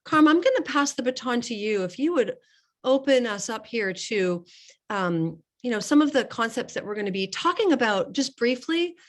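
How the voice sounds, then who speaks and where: A middle-aged woman recovering from a slight cold hosts a casual online group call as a network marketing business coach. Her fairly high, very animated voice moves at normal speed, and she urges emphatically, repeating key phrases for weight.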